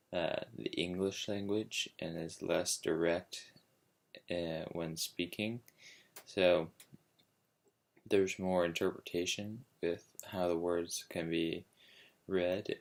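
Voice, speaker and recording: A young man presenting a school book-project video in a sleepy monotone, hesitant and full of fillers, having just woken up. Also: sits low, gravelly. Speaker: student presenter.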